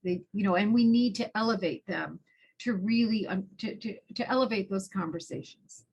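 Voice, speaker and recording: A woman's voice: medium pitch, normal speed, slight background noise, rough recording. A woman speaking as a panelist on a webinar, earnest and conversational, telling anecdotes over a video call. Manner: earnest, tells anecdotes with lively quoted dialogue. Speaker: panelist, early childhood educator.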